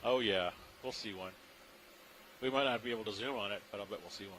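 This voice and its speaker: A man's voice: lowish voice, fast talker, fairly bright tone. Guy scientist narrating a live rov dive, kinda amazed and musing, bit of noise on the feed. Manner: marveling, musing. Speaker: scientist commentator on a deep-sea ROV dive. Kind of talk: live unscripted dive commentary. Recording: clearly noisy live control-room audio feed.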